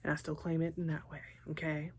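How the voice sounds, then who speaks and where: A young woman with a Southern drawl talks casually to her viewers, animated and full of asides. Her voice sits a touch low for a woman. It sounds like a relaxed vlog chat. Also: quick pace, slightly rough. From Texas, United States. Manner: chatty and animated, with asides and laughs. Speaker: vlogger.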